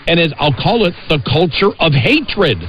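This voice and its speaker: A man's voice: fairly high pitch, sing-song, moderate pace, fairly bright tone. An American man co-hosting a conversational political talk radio show, insistent and repeating phrases for emphasis. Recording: noisy radio broadcast sound.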